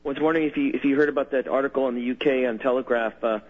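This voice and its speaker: A man from California calling in to a radio show over a phone line, halting and hesitant as he restarts his sentences. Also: medium pitch, fairly even intonation. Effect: heard over a phone line. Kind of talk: call-in chat with a host.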